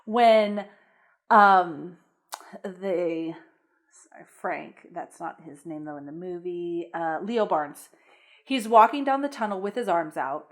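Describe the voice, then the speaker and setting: A woman co-hosting a podcast, chatting casually and retelling film scenes in an animated way. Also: fairly low pitch, slow pace. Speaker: podcast co-host. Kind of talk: casual chat about a horror film.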